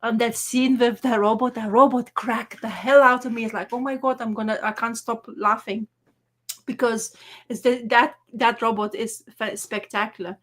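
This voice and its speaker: A woman with a fairly high voice chats casually as a co-host. She talks in an animated way, often trailing off and restarting her sentences. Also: normal speed. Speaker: podcast co-host. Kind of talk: casual chat.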